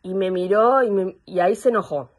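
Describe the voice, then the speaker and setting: A young woman with an Argentine accent gives personal testimony over a video call, halting and searching for words. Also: medium pitch, breathy edge. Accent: Argentine Spanish. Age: young adult. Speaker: complainant in a psychological assessment.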